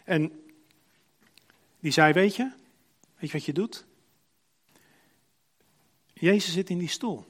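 A man preaching, retelling a story and acting out the people in it, swinging from hushed to emphatic. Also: high voice, takes it slowly, pauses often, slightly rough. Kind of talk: sermon storytelling.

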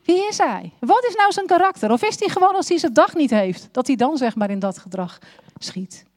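A woman's voice: high voice, very animated, normal speed, darkish tone. A woman preaching a sermon, emphatic, with repeated rhetorical questions.

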